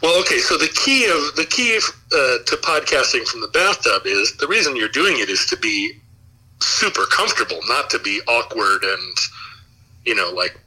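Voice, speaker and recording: A man chatting casually as a called-in guest, explaining things in a halting way. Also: mid-range voice, sing-song, pushed and bright, husky, rough recording. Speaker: guest giving advice by call. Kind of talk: casual chat.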